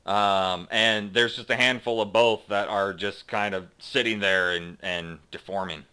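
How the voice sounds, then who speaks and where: A man narrating as game master of a tabletop role-playing game, reading out scenes slowly and dramatically and chatting casually with his players between them. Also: fairly low pitch, fairly even intonation, sharp tone, smooth. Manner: slow dramatic read-aloud narration, then halting casual asides.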